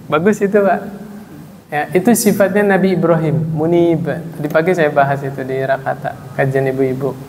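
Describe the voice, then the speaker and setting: A man preaching to a small congregation, throwing questions to his listeners and answering them himself. His voice sits somewhat high for a man. It rings out with a long echo through a large hall, over a faint background hum. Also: fairly even intonation, darkish tone. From Indonesia. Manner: recites Arabic verses slowly. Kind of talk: mosque study-circle sermon. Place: mosque.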